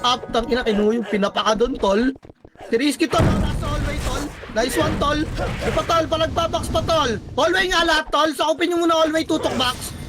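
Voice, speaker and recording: A man leading his squad in live team voice chat during a shooter match, barking rapid commands, counting down and swearing. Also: extremely high pitch, over music. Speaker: squad leader calling shots.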